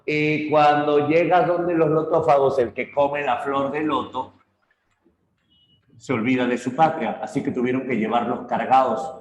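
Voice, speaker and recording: A man teaching literature, retelling a myth in an animated way and acting out its characters. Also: medium pitch. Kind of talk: storytelling lesson. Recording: roomy echo.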